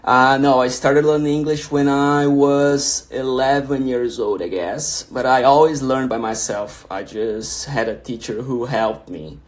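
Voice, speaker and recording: Speaking in a mid-range voice, a little slow and with few pauses, this young man from Brazil reads out viewer questions on a laid-back livestream. He's a native Portuguese speaker with a Brazilian accent who answers encouragingly, frequently starting his sentences over.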